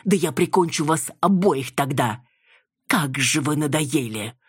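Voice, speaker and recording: A woman reader playing a brutal, shifty man posing as a doctor, gruff and snapping. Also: extremely low pitch, lively intonation, no echo, studio quality, exaggerated voice. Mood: menacing. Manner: gruff and snapping, then a slow menacing tirade.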